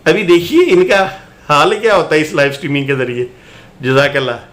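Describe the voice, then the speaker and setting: An insistent man speaks straight to his viewers as he picks apart a debate clip. His voice sits a bit high. The room around him is noticeably echoey. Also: animated, fairly bright tone. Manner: insistent, addresses viewers directly. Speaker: host commenting on a debate clip. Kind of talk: argumentative video commentary.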